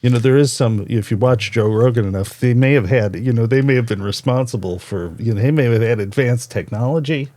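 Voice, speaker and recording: A man hosting a casual chat podcast, playful and teasing, often pausing and restarting as he thinks. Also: mid-range voice, warm tone, no room sound. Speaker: podcast host.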